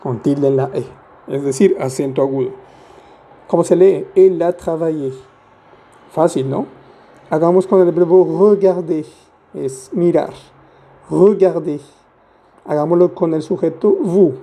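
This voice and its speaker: A male teacher walks through a grammar lesson at an unhurried, deliberate pace. His voice is deep-toned and mellow, sitting a little high for a man. He is patient and playful, asking questions of the listener as he explains each step. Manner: patient, asks rhetorical questions, playful asides. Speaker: French teacher.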